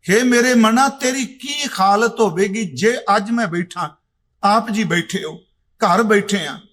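A middle-aged man giving a Sikh scripture discourse, intoning verses slowly and then explaining them in plain speech. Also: high-pitched, a bit bright. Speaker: Sikh preacher giving katha.

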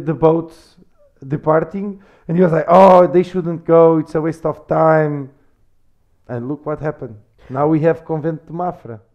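A man from Portugal with a Portuguese accent, a guest chatting in a relaxed, meandering way in English. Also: on the high side. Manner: relaxed, meandering explanations with fillers. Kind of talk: casual conversational interview. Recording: slightly muffled podcast audio.

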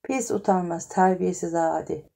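A woman voicing a demanding, sharp-tongued wealthy wife who insists and scolds in an audiobook story. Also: lowish voice, normal speed, creaky. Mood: insistent.

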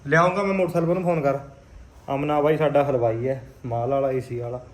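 A man's voice: medium pitch, steady tone, fast talker, slight background noise. A man with a Punjabi accent chatting casually and bantering with friends as he films a vlog. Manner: informal, bantering. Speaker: vlog host. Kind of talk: casual chat with friends while filming.

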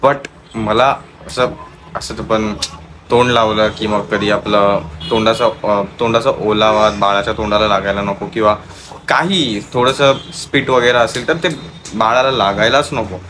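A man's voice: lowish voice, fairly even intonation, a little slow, noisy background. A young man filming a casual home vlog. He chats to the camera and talks baby talk to his toddler. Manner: chatty, switches between baby talk and explaining to viewers. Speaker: vlogger and father.

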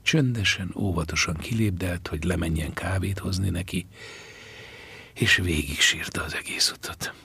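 A man narrating a literary audiobook slowly, in a breathy, half-whispered manner, close to the mic. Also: low-pitched, bright, forceful tone, dry recording.

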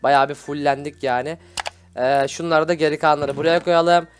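A man hosting a Minecraft role-play video, excitable and scolding with loud exclamations. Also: a little high, moderate pace, faint music behind. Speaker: gaming video host.

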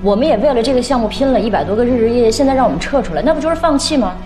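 A brisk female executive, played by an actress, forceful and incredulous. She speaks quickly at a middle pitch. Strong music runs behind her. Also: lively intonation, close to an everyday voice. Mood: insistent. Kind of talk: TV drama acting. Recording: drama with strong music score.

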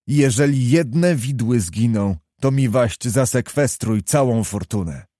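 A man's voice: medium pitch, animated, unhurried, mellow, no echo, clean studio sound. A man voicing a proud, hot-tempered young noble officer in an audiobook, speaking with vehement, reproachful insistence. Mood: insistent.

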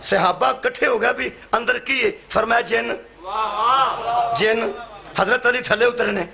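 A man preaching a sermon, acting out dialogue and rising to shouts. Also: very high-pitched, fairly quick, gravelly. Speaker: Shia cleric giving a majlis sermon. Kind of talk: sermon to a live gathering. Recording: live hall with loud crowd. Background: crowd responses.

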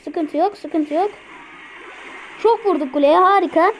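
A woman giving live gameplay commentary, excitable, talking to herself and repeating words as she plays. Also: very high-pitched, measured pace, a little hiss or hum, low-quality recording. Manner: excitable, talks to herself while playing. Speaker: gameplay streamer.

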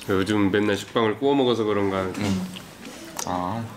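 A man in casual chat, commenting on food between bites of dumpling. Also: lowish voice. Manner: relaxed, chatty food comments. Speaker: vlogger tasting food. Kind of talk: casual chat while eating. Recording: loud background music.

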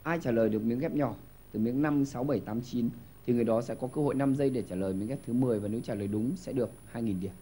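A man hosting a TV quiz show in a studio, giving lively hints and often stumbling over repeated words. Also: medium pitch, rapid-fire, a little hiss or hum. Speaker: game show host.

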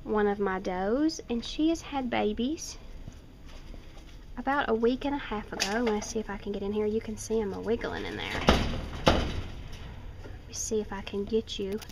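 A woman's voice: medium pitch, normal speed, long pauses. A woman giving a rambling, chatty walk-around tour of her small farm outdoors, speaking into a handheld camera. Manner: rambling, chatty, with many fillers and restarts. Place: outdoors on a wooded farm by rabbit hutches. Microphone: handheld camera mic, filming herself off camera. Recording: faint outdoor noise.

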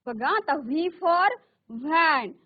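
A woman teaching English to young children, speaking slowly and patiently, asking questions and praising the class. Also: high-pitched, expressive. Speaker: primary school English teacher. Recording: tinny phone-like audio.

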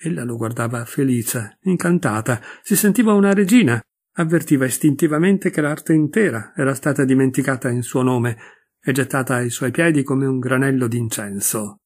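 Brief: male audiobook narrator, husky, steady mid pitch, expressive. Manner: measured, expressive reading. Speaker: audiobook reader. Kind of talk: scripted literary narration.

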